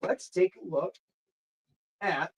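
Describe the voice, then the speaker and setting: This is a livestream host chatting casually to viewers and answering their comments. The talk rambles and drifts, with pauses while the speaker hunts for a name. The voice sits in an ordinary middle range. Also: medium pitch, gravelly, slight background noise. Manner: rambling, searches aloud for titles.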